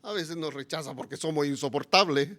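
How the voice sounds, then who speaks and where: A pastor with a Chilean accent preaches briskly, shifting between impassioned, loud appeals and low, quiet passages.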